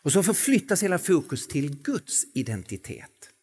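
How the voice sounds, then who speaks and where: A man preaching a sermon, swinging between quiet reflective passages and slow, emphatic, rising phrases. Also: a little high, sing-song, husky. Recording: long hall reverb.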